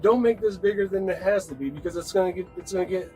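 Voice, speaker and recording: High-voiced cop calmly persuading. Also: male voice, quick pace, faint music behind. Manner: calm, persuasive. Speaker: police officer. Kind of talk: bodycam conversation. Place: roadside traffic stop, outdoors.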